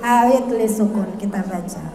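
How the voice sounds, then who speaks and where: A woman teaching Quranic letter pronunciation, patiently drilling her students and chanting verses slowly. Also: mid-range voice, dark tone. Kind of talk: tajwid pronunciation lesson. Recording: roomy hall reverb.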